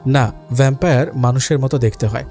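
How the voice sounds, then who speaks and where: A man voicing a worried young father who speaks softly and tenderly to his small son in an audio story. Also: medium pitch, fairly even intonation, brisk, soft background music, natural voice.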